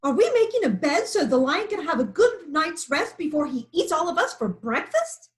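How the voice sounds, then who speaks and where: A woman voicing a timid male anteater in a storybook reading, worried and hushed. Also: high voice, big pitch swings, moderate pace, voice pushed up.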